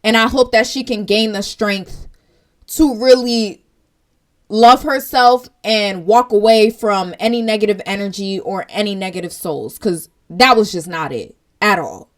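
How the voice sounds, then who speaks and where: A woman's voice: medium pitch, unhurried. A young woman vlogging, giving emotional, emphatic commentary to her viewers. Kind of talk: casual commentary vlog.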